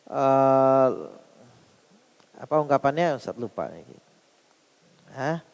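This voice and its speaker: A male Islamic preacher with an Indonesian accent, giving a sermon, questioning his listeners and repeating key phrases slowly for emphasis. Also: mid-range voice, a little mellow, clear, resonant tone, highs cut off. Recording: long hall reverb.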